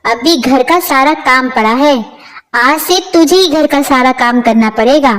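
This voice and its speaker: A woman doing a shrill old scolding mother-in-law. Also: a little slow, a bit bright. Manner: scolding, shrieks for help. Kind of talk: storybook character voice.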